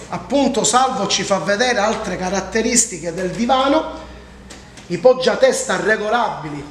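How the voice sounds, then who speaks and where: A man delivers a TV infomercial pitch in a high voice, unhurried and emphatic. He stretches his words to sell the offers. The sound is distant from the microphone, in a large indoor showroom. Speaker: TV furniture salesman presenting offers. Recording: echoey showroom, distant mic, faint noise.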